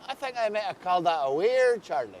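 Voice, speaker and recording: A man's voice: very animated, fast talker, darkish tone. A man with an Ulster accent interviewing someone conversationally as host, recorded outdoors. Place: outdoors beside a river. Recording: faint outdoor rumble and noise.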